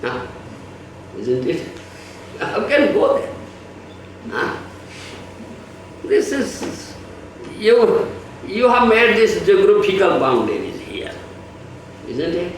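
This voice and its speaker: A man giving a sermon as a spiritual teacher, animated, keeps asking "huh?" and acting out quotes. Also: high voice, takes it slowly, pauses often, recorded from a distance. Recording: echoey room, voice from afar, faint hiss.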